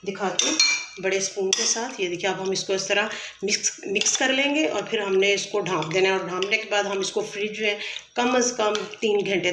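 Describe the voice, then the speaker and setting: A woman's voice: mid-range voice, noisy background. A woman hosting a cooking tutorial from her home kitchen, explaining each step patiently and often adding blessings. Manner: patient instructive, frequent blessings and self-corrections. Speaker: cooking channel host. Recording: echoey kitchen.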